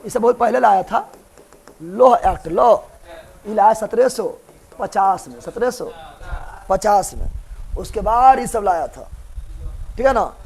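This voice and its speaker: High-pitched Bihari-accented man teaching. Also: a little slow, gravelly, long pauses. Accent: Bihari Hindi. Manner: animated, acts out quotes in rustic dialect; repeats questions and fillers to the class. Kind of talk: live exam-prep history class.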